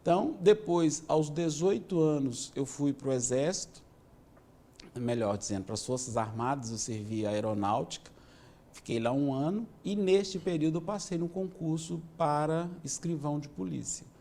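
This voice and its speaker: A man, a police chief answering interview questions in a measured, explanatory way, often adding "né". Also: on the high side, dark tone. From Minas Gerais, Brazil. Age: 50s. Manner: measured, explanatory, with many "né" tags.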